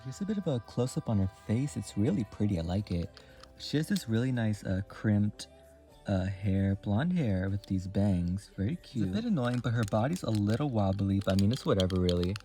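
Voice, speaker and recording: A man's voice: on the low side, animated, a little fast, dark tone, faint music behind. A man chatting casually through an unboxing, rambling with many fillers and restarts. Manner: rambling, filler-heavy talk, lots of "like" and "um". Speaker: doll reviewer.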